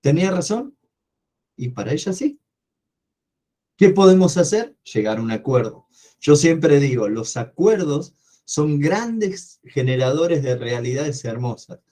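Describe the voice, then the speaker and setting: A man with an Argentine accent teaching an online coaching class, talking loudly and energetically and putting questions to the class that he answers himself. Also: fairly high pitch, measured pace. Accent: Argentine Spanish. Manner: loud, energetic way of speaking. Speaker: coaching course instructor.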